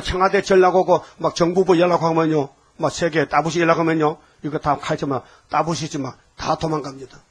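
A high-pitched, husky older man preaches a fiery sermon from the pulpit. He fires question after question at his congregation, bursts into loud cries, then drops his voice low and close. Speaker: pastor.

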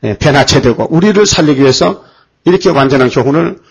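A man preaching a sermon, often pausing to put questions to the congregation. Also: a little high, animated, gravelly, husky, muffled recording. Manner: rhetorical questions to the congregation, frequent fillers.

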